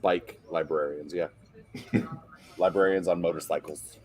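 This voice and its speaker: A man's voice: sits low, steady tone, unhurried, darkish tone. A man co-hosting a casual chat about tabletop wargaming, telling stories and joking around. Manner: joking, storytelling, playful. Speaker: co-host.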